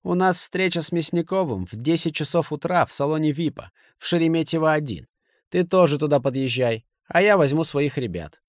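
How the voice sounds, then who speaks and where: A hot-tempered middle-aged businessman who barks and shouts, his voice pushed well above the reader's own, as a male narrator puts him on. It is heard in a dry, close audiobook recording with no room echo. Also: a little high, animated, a little fast, voice pushed up, natural voice. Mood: commanding. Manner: raised, shouting, forceful.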